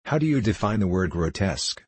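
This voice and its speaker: Sherlock Holmes, read by a man, measured and lofty. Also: low-pitched, very animated, husky, no room sound, full character voice. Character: sharp, bored male detective, lofty and precise.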